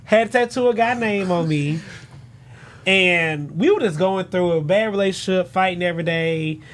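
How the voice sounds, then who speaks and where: A man co-hosting a podcast, animated and dramatic in casual chat, laughing as he talks. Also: high-pitched, normal speed, a little hiss or hum. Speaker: podcast co-host.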